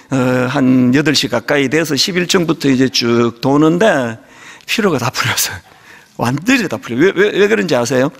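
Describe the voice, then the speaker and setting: A middle-aged male pastor with a very high, sing-song voice tells funny stories mid-sermon in a chatty tone. His words ring out with a long reverb from a big church sanctuary. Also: vocal fry. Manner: conversational storytelling, humorous and animated. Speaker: senior pastor.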